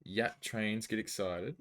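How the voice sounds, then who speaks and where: On a live stream, an Australian man with a lowish voice reads out viewers' messages and chats with them in a casual, joking way.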